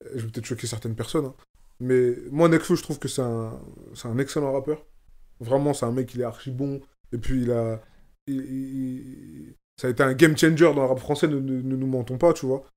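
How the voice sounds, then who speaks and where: A French rapper living in Oslo talks as a guest in a casual conversation, repeating phrases to stress his points. His voice is medium-pitched and a little mellow, with a steady tone and a brisk pace.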